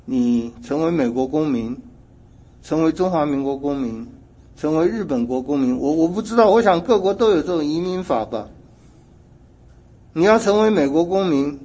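A man's voice: a little high, darkish tone, slightly rough. A man preaching a sermon in an earnest way, asking rhetorical questions and correcting himself as he goes.

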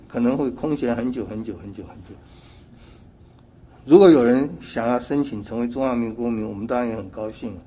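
Husky-voiced man preaching a sermon. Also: on the high side, mellow. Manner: earnest, with rhetorical questions and self-corrections.

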